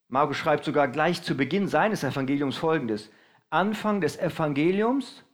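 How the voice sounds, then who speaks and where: High-voiced man preaching a sermon. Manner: asks the congregation questions and acts out heralds' announcements.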